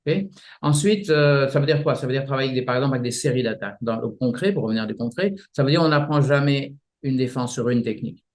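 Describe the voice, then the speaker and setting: A man explaining martial arts practice in a relaxed interview, often restarting his sentences and using images. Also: mid-range voice, fast. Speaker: martial arts teacher, guest.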